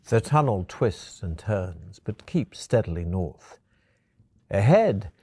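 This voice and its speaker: A man narrating a fantasy gamebook adventure in the second person, in a measured storytelling manner. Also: on the low side, warm tone, husky, no room sound.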